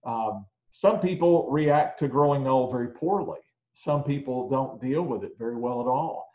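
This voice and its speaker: A man's voice: medium pitch, animated, normal speed, a little mellow, muffled recording. Man in his sixties preaching, echoey room. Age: 60s. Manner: conversational, with frequent uh fillers. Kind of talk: sermon. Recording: roomy echo.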